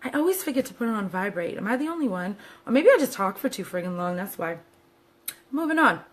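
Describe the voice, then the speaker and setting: A woman's voice: mid-range voice, very animated, fast. Woman, fashion stylist, casual chat to camera, upbeat, rambling asides. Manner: chatty and upbeat, lots of fillers and asides. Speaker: fashion stylist answering viewer questions.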